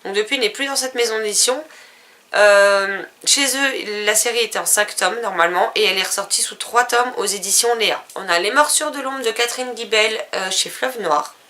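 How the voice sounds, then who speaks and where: A woman's voice: medium pitch, moderate pace, pushed and bright. A woman vlogger casually listing books and publishers, with fillers and self-corrections. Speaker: book vlogger. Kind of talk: casual book haul vlog.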